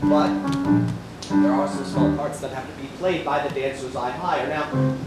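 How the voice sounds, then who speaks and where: A woman's voice: a bass voice, fairly even intonation, normal speed, over loud music. A woman playing a stern male director running an audition on a school stage, curt and commanding. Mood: brisk, commanding. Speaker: stage actor. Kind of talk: stage musical acting. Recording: echoey stage, distant mic.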